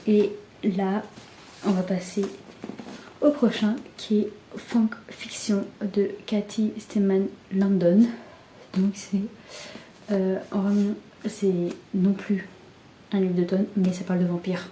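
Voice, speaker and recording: A young woman chatting casually about books in a soft, often half-whispered voice, with many fillers. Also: mid-range voice, level tone, takes it slowly, long pauses. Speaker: book vlogger. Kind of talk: casual book haul chat. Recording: echoey room with faint background hiss.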